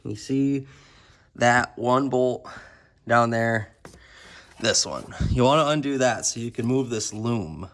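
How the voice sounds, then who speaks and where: A man giving a casual how-to walkthrough while working on a car engine, explaining each step in a plain, low-key way. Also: slow, pauses often, a bit bright. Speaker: DIY car repair presenter.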